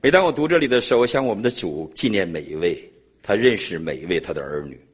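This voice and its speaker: A middle-aged man preaching and telling a personal story in an animated way, laughing often. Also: deep voice, fast talker, breathy edge. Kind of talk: sermon testimony storytelling.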